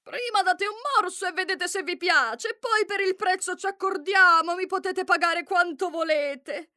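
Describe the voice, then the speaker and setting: A woman doing a shrill, wicked disguised queen. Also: bright, forceful tone, no room sound, studio quality, full character voice. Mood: sly sing-song. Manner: shrill, drawn-out hawker's calls and malicious cries. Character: wicked scheming queen disguised as fruit seller.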